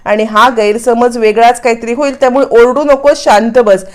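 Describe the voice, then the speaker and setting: A flustered young husband who fusses and scolds in the same breath, as a woman narrator reads him out. He repeats his words in a hurry, pitched fairly high. The tone is everyday, with no real change of voice. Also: fairly even intonation, moderate pace, darkish tone, close to an everyday voice. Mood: scolding. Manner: frantic, repeating himself. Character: flustered young husband fussing over a burn.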